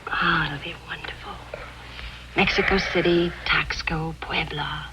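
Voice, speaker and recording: An actress playing an affectionate young wife in a 1950s film, speaking tenderly and softly. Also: female voice, low-pitched, steady tone, unhurried. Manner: tender, softly spoken, then anxiously pressing. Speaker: investigator's wife. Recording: hissy old film soundtrack.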